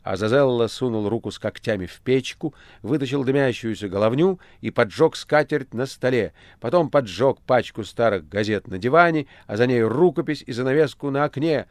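A man narrating a literary audiobook in a dramatic, expressive reading. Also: medium pitch, normal speed, few pauses, no room sound.

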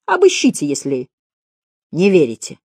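A woman voicing an insolent teenage schoolboy in an audiobook, shrill and whining. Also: huge pitch swings, moderate pace, darkish tone, breathy edge, no room sound, clean studio sound, heavily acted.

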